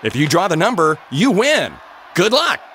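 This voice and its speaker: An actor playing an upbeat game show host in a video game, with scripted lines. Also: male voice, high-pitched, very animated, normal speed, noisy background. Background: game show music.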